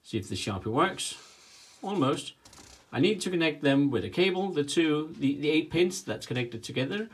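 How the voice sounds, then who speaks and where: Brief: male hobbyist tutor, slightly husky tone, lively rise and fall, walks through the wiring step by step at a whiteboard. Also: fairly high pitch. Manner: talks while drawing diagrams, counting wires aloud with pauses. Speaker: home cockpit builder explaining wiring. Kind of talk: casual hands-on tutorial. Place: indoors, workshop by a whiteboard.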